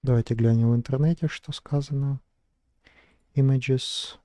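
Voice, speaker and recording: Hesitant male vlogger, very dark flat voice, dry close sound, thinks aloud. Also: mid-range voice, measured pace, dry recording. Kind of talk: casual screen-recording narration.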